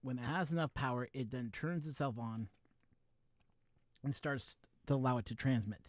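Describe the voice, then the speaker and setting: A man with a medium-pitched voice talks at a normal speed, with no echo, while hosting a casual live stream. He rambles and chats loosely with his viewers as he fiddles with his gear, speaking into a wireless USB microphone.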